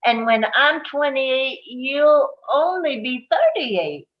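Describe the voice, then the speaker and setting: A blunt, chatty eight-year-old girl, as a woman reads her with a high voice. She talks slowly and counts things out plainly. The sound is dull and lo-fi. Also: animated. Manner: matter-of-fact, counting aloud. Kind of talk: table read. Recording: dull lo-fi audio.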